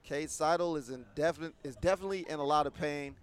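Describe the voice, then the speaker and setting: Male play-by-play wrestling commentator with a high voice; excitable, loud on big moves. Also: fast, a little hiss or hum.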